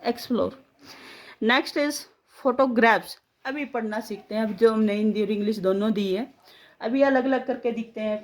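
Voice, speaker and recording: A woman leads a spelling lesson, breaking words into single letters and sounds. Her voice sits a little high, and she stretches every syllable out unhurriedly. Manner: slow, drawn-out syllable-by-syllable dictation. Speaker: English spelling teacher.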